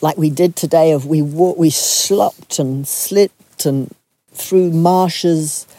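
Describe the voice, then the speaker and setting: A retreat leader from Zambia gives a soft, reflective talk to a group, often pausing and restarting phrases. The medium-pitched voice is recorded with no room sound.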